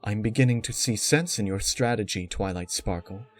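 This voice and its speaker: Regal pony princess villain done by a man, measured, cold and commanding, for a dark storybook reading. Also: on the low side, close to an everyday voice. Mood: cool approval.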